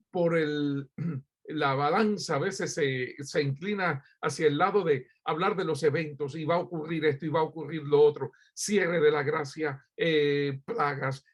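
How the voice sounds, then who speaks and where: Preaching a sermon, a Cuban pastor with a voice on the high side turns to his listeners directly. Rhetorical questions and frequent hesitant fillers run through his delivery.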